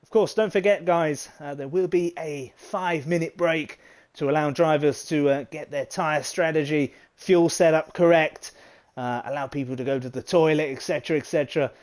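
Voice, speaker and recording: A man giving live commentary on an online racing league, excitable and chatty with plenty of fillers. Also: a little high, normal speed. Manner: excitable, chatty, British turns of phrase, frequent fillers. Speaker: race commentator.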